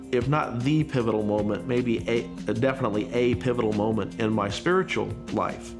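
A man giving a reflective documentary interview, speaking in a measured way and searching for words, with music underneath. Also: fairly low pitch, vocal fry. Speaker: interviewee, former arcade gamer.

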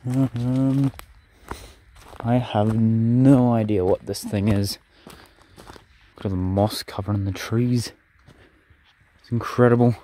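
A man's voice: medium pitch, steady tone, takes it slowly, pauses often, warm tone. A young man, chatting in an easygoing, rambling way as he narrates his vlog and comments on a bushwalk. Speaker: vlogger.

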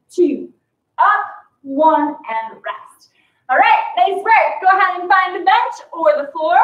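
A woman's voice: sits high, a bit bright. A young woman working as an aerobics instructor, calling out clipped, encouraging counts and cues while she exercises. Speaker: fitness instructor. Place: small concrete-walled basement home gym. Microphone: far camera across the room. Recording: roomy, distant, slightly dull camera sound.

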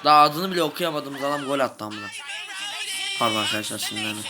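A young man giving excitable live commentary over his own gameplay, shouting at goals and groaning at misses. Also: medium pitch, quick pace, very noisy. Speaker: gaming video host. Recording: game music playing behind.

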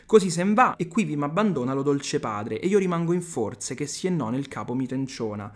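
A man's voice: fairly high pitch, lively intonation, fairly quick. A man with an Italian accent giving a video lesson, reading old verses aloud and paraphrasing them plainly. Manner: reads verses then explains them plainly. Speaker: literature teacher.

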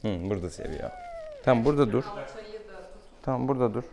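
Very fast and sing-song, with a medium pitch and a dark tone, a young adult vet keeps up casual chatter while treating an animal, playfully coaxing the pet. The small tiled exam room is noisy, and the camera recording him stands a few steps away.

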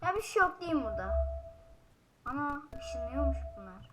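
High-voiced woman ranting over gameplay. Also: big pitch swings, normal speed, heavy background noise. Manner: frustrated, swears and yells at the game. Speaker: gaming YouTuber. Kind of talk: casual gameplay commentary. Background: loud game music.

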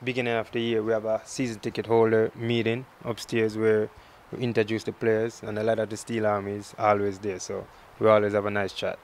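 A man's voice: on the low side, monotone, fairly quick, a little hiss or hum. A young man from Jamaica, a soccer player, giving brief, plain answers in an interview on an outdoor field. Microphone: handheld mic held by interviewer.

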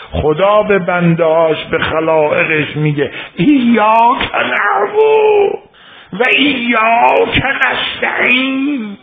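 A man from Iran preaching a religious sermon and telling a story, moving between quiet narration and fervent outbursts. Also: fairly high pitch, background noise. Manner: emotive, swings from quiet to crying out. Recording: tinny phone-like sound.

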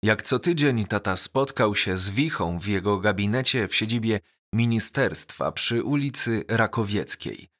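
A man reading a novel aloud as an audiobook, in measured, deliberate first-person narration. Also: fairly low pitch, lively intonation, a bit bright.

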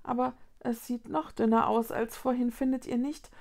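A woman's voice: a little high, steady tone, moderate pace, vocal fry, darkish tone, pitched above the performer's own voice. A woman reading a children's storybook aloud, voicing a worried young girl magician who asks anxious questions.

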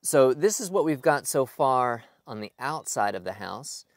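A man in his forties talks through a home project in an easy, unscripted way, pausing with ums and restarting his sentences. His voice sits at an ordinary middle pitch. The sound is dry and close, picked up by a camera in a cluttered basement. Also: dry recording. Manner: relaxed, thinking aloud with frequent ums and restarts. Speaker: home improvement vlogger. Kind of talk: casual explanatory vlog. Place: cluttered basement storage area.

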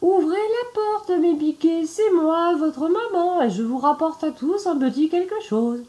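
Brief: cunning wolf in a sugary, high fake-mother voice, as a woman plays it. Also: animated, unhurried, mellow. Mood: wheedling. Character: wolf faking a sweet mother goat.

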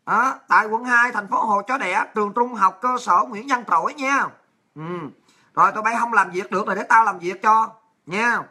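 A woman's voice: a little high, bright, forceful tone. Harsh-toned woman ranting, Southern Vietnamese accent. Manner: ranting, crude and abrasive. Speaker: livestream host. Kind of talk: angry livestream rant, reading viewer messages.

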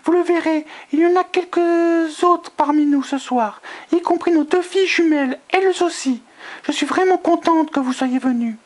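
A man voicing an effusive, gracious woman in her fifties, a society hostess, in a high falsetto. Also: moderate pace. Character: gracious fiftyish hostess, former model, effusive.

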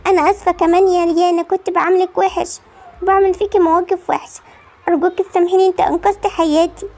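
A woman's voice: very high-pitched, level tone, rapid-fire, a little mellow. Woman doing a whiny teenage girl. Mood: pleading. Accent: Egyptian Arabic. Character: teen daughter, whiny, self-absorbed, dancing for videos.

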